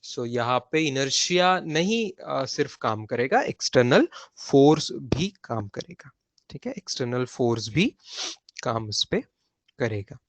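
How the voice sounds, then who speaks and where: A man's voice: medium pitch, very animated, a little slow, no room sound. A man with an Indian accent teaching a physics lesson online, repeating key phrases and checking with his students as he goes. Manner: mixes Hindi and English.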